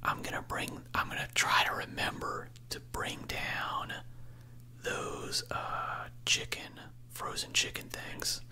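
A man in his thirties chatting casually on the phone in a breathy ASMR whisper, close to a desktop microphone in a small room. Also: slow pace, sharp tone. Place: small room indoors at home. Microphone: close desktop condenser microphone.

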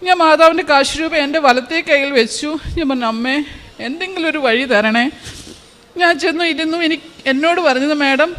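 A woman's voice: high voice, fairly quick, fairly bright tone. A woman from Kerala giving a personal religious testimony, retelling her prayers in an emotional, pleading way. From Kerala, India.

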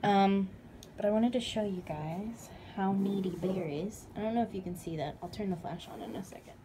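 A woman's voice: mid-range voice, normal speed, warm tone, slight background noise. A young woman in her twenties chatting casually in a home vlog, talking sweetly to her pets. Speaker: vlogger. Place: home pet room, indoors.

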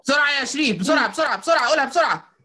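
Bright-voiced Egyptian woman teaching children. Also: high voice, lively intonation, racing. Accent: Egyptian Arabic. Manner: coaxing and praising, mixing in English words. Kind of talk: online class drilling children. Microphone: video call.

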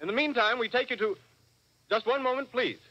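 A grave American radio news announcer delivers formal bulletins in 1930s style. His voice is high and forcefully bright, on a muffled old broadcast. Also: fairly quick, heavily acted. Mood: grave, urgent.

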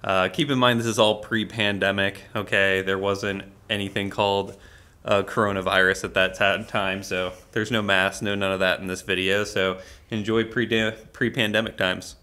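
A man's voice: fairly low pitch, level tone, normal speed, pushed and bright. A man co-hosting a casual vlog, upbeat and chatty, laughing easily as he talks. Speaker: vlog co-host.

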